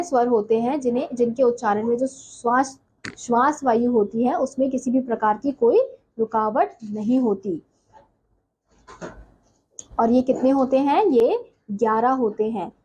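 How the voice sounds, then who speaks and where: A woman teaching a grammar lesson at an unhurried pace, posing questions and then answering them herself. Her voice is a little high, with a husky, mellow tone. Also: rough recording. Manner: asks and answers her own questions, slow and deliberate. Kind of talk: classroom lesson explaining.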